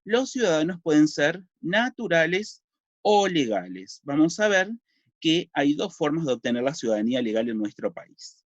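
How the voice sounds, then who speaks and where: A Uruguayan man with a Uruguayan Spanish accent teaches a recorded civics lesson, explaining step by step and asking and answering his own questions. His fairly high voice is very animated at a moderate pace, on a dull, lo-fi, dry recording.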